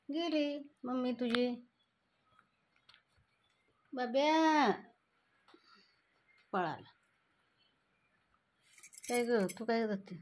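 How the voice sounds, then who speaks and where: Slow-talking woman scolding cats. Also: a little high, vocal fry, a little mellow. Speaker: cat owner vlogger. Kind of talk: casual talk to pet cats.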